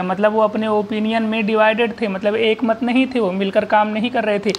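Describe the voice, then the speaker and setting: A man's voice: high voice, slight background noise. Patient male grammar teacher. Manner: explains patiently, repeats "ठीक है" often. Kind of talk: Hindi-English grammar lesson.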